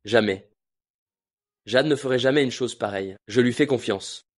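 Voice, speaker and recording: A man's voice: medium pitch, moderate pace, lightly acted. An actor dubbing a smug, two-faced young businessman in a drama, sounding self-assured and soothing. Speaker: dub actor. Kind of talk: dubbed drama.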